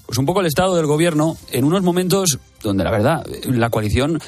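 A man previewing the morning's news on the radio in a brisk, informative way. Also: a little high, animated, a little mellow, dry recording, soft background music.

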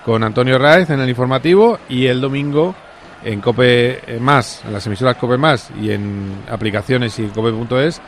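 A man's voice: mid-range voice, normal speed, a little hiss or hum. A man reporting on Formula 1 on sports radio, explaining at length with frequent hesitations.

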